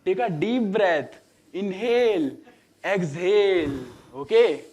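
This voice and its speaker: An Indian-accented man playing a calm therapist guiding a patient through breathing. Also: sits high. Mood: soothing. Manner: slow soothing instructions. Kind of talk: stage drama acting.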